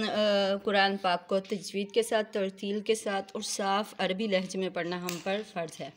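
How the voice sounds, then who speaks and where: A woman teaching a religious lesson to her female students, explaining in a measured way and reciting verses slowly. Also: mid-range voice. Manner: measured explaining, slow chanted recitation of quotes; throat clearing, hesitant fillers.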